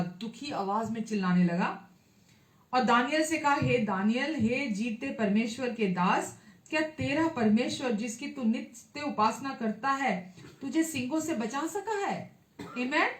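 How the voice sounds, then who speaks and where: A woman preaching a sermon, her voice sitting a little higher than most and ringing through an echoey room. She reads the scripture passage aloud and then explains it in her own words. She pauses often and breaks in with amens. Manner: frequent hesitations and amens. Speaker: pastor.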